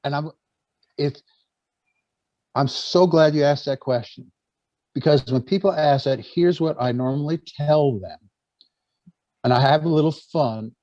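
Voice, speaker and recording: A man's voice: fairly high pitch, unhurried, pauses often, warm tone, no echo, muffled recording. A man giving an earnest preaching talk to a gathering, telling stories and often stumbling and restarting his words. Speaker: speaker on church life.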